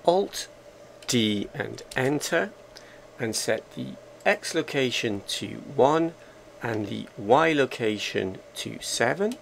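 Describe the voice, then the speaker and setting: A man narrating a software screencast tutorial, calmly giving slow step-by-step commands. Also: medium pitch, creaky, slight background noise. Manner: slow, measured, instructional commands.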